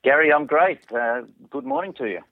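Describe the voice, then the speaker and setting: A man's voice: fairly high pitch, animated, a little fast, dry recording. A man who is a guest on an interview show, talking with energy and eagerness over a call. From Australia. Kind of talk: casual interview chat. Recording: tinny phone line.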